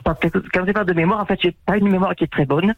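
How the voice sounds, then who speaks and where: A man's voice: high-pitched, steady tone, quick pace, no room sound, phone-quality sound. A man, a language teacher guest on a radio show, explaining his method earnestly and chuckling now and then. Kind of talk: radio interview answers.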